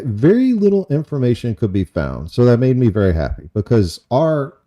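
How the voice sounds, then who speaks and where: A man's voice: fairly low pitch, warm tone. A man hosting a podcast in a casual, rambling way, often repeating himself. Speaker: podcast host. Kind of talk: casual chat.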